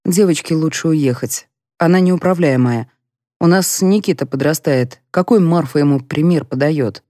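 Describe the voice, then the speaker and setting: A woman's voice: low voice, moderate pace, mellow, dry recording, studio quality, lightly acted. A woman reading an audiobook, voicing a weary, dismissive husband.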